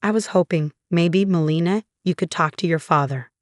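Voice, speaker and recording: A woman's voice: fairly low pitch, moderate pace, no room sound, clean studio sound, close to an everyday voice. A woman voicing a scheming, self-pitying husband who pleads and dodges in a storybook reading. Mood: pleading. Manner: pleading, evasive.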